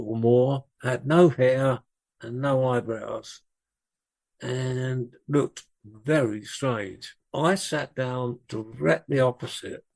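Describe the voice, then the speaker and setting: A man's voice: medium pitch, vocal fry, a little mellow. An older man, a drummer, telling rambling anecdotes as a guest in a conversation. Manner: rambling, self-correcting anecdotes. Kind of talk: relaxed storytelling in conversation.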